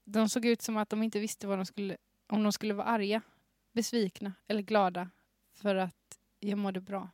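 This young adult podcast host reads out her teenage story, stifling giggles, barely pausing as she goes. Her voice is medium-pitched, level and darkish. Captured with a studio mic and headphones, the sound is clean with no room sound.

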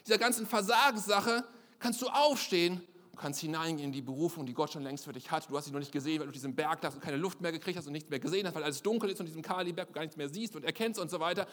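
A young man preaching a sermon at a church service in a lively, emphatic, colloquial way. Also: a little high, racing, big-room sound.

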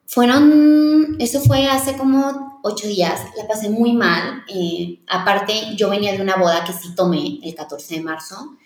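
With hardly any pauses and a slightly slow delivery, a woman in her thirties, a wedding planner, opens up about her own experience as an interview guest. Her voice sits at medium pitch, her tone earnest and confiding, and she frequently begins sentences over. Echo fills the room.

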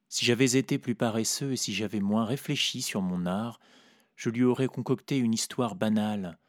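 Guy reading a novel aloud, measured and reflective, lowish voice. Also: no echo, clean studio sound. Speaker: narrator. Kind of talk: literary audiobook narration.

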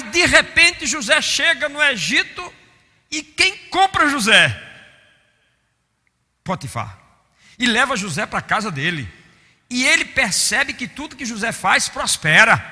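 A man preaching a sermon, impassioned, swinging from loud exclamations to quiet mock-weary asides. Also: very high voice. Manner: impassioned, rising to shouts and dropping to mock-weary murmurs. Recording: long hall reverb.

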